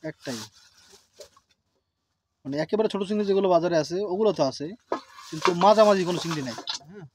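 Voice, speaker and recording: A man chatting quickly to camera in a village garden, often giving thanks to God as he shows his crops. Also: on the high side, darkish tone, slight background noise. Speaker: village life vlogger. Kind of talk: casual vlog chat to camera.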